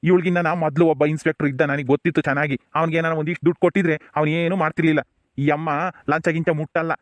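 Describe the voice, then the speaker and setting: A proud old village headman, played by a man with a rural Tumakuru Kannada accent, who keeps hushing and comforting his granddaughter. His voice sits fairly high and the words come quickly. The recording is dry and close. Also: level tone, dry recording, lightly acted. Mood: consoling. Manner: soothing, pleading, repeats hush phrases. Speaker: jailed grandfather. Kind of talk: village family drama acting.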